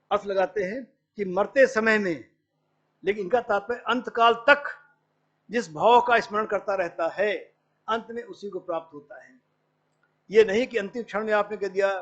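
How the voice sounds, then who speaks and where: A middle-aged male professor giving an academic lecture, explaining patiently and quoting Sanskrit verses. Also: sits high. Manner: explains patiently, quotes Sanskrit verses, mixes in English words. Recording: dull lo-fi lecture recording.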